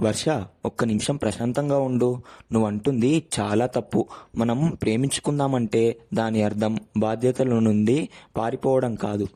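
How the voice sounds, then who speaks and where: A man playing a calm, principled young man who reasons gently in a storybook drama. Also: mid-range voice, natural voice.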